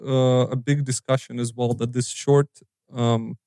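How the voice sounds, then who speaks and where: A man's voice: medium pitch, flat delivery, a little slow, mellow, no echo. A man co-hosting a podcast, talking earnestly and giving advice with some restarts. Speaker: podcast co-host. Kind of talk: casual podcast chat.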